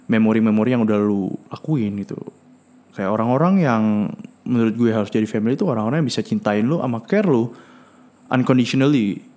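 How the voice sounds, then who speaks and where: A man's voice: on the low side, dark tone. A man hosting a casual solo podcast who talks bluntly and swears a lot. He drops English words into his speech and often repeats or restarts words. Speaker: podcast host.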